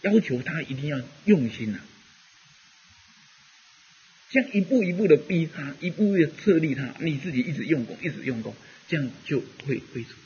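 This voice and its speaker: A man's voice: on the high side, animated, a little fast, a little mellow, lo-fi sound, a little hiss or hum. A man giving a rambling, conversational Buddhist dharma talk, full of fillers as he teaches.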